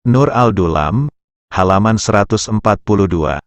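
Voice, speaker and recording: A man narrating Islamic history, reading translated passages in a measured, steady way and citing his sources. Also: fairly low pitch, dry recording. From Indonesia. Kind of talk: reading translated texts aloud.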